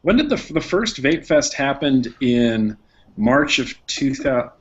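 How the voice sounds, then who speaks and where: A man's voice: medium pitch, big pitch swings, slightly rough. Man, easygoing, reminiscing, casual chat, dull lo-fi audio. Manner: easygoing, reminiscing, quick to laugh. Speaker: panelist.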